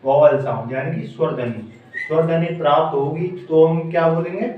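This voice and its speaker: A man's voice: on the high side, moderate pace, narrow, tinny audio. Echoey, distant male pronunciation teacher. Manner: repeats questions and answers them drill-style. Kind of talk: online classroom lesson. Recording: echoey room, mic at a distance.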